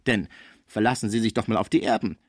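A man's voice: mid-range voice, very animated, a little fast, breathy edge, no room sound, studio quality. A man voicing a scheming middle-aged concierge woman who nurses the sick, overwrought and indignant as she protests her honesty.

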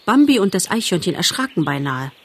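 Woman narrating an audiobook calmly. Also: lowish voice, background noise. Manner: calm, measured storytelling. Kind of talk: audiobook reading.

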